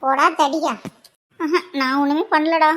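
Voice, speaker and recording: A woman voicing a playful, sharp-tongued young woman in a cartoon, who teases and then whines when scolded. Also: sits high, steady tone, measured pace. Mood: laughing off. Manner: teasing, coaxing, whiny when scolded. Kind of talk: cartoon voice acting.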